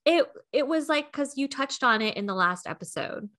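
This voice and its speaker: A woman's voice: sits high, lively intonation, moderate pace, bright, forceful tone. A woman co-hosting a casual podcast, chatting in an encouraging way with lots of fillers. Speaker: podcast co-host.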